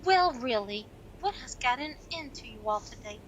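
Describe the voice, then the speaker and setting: A woman playing a stern, brisk, wry older professor in an audio drama, with a dry, exasperated manner. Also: high-pitched, expressive, slight background noise, low-quality recording.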